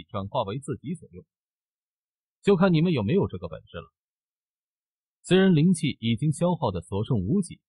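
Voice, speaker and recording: A reborn young snake-clan heir speaks with cold resolve, voiced by a man in a comic-book recap. The voice is husky and lively in pitch, and the recording is dry and close. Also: no echo, rough recording. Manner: cold, determined.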